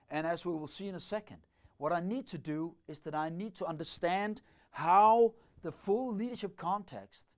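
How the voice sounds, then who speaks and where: A middle-aged man gives an explanatory lecture on leadership, working methodically through the ideas and posing questions to himself along the way. His voice is on the high side.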